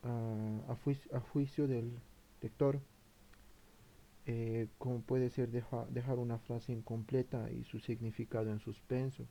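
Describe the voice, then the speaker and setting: A man's voice: mid-range voice, vocal fry, dark tone, slight background noise. A man giving a class presentation, reading his points aloud with frequent fillers and self-corrections. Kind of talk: read-aloud school presentation.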